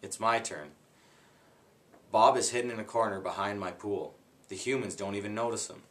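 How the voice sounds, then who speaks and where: A man reads a children's book aloud at an easy, unhurried pace. His voice sits low and plain, with no performance flourishes. Now and then he stops and rereads a line he stumbled on. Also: fairly bright tone. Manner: unhurried, plain reading, stops to redo slips. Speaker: guest reader.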